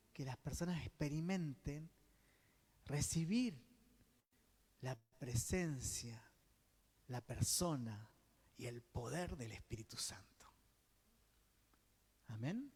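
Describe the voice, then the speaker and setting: A man's voice: on the high side, a little mellow. An Argentine man leading a religious teaching session in a preacherly style. He keeps checking in with his listeners and answers his own questions. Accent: Argentine Spanish. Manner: keeps checking in with the group by asking "¿Sí?"; poses questions to the group and answers them himself. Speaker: diocesan coordinator teaching a course. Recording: long hall reverb.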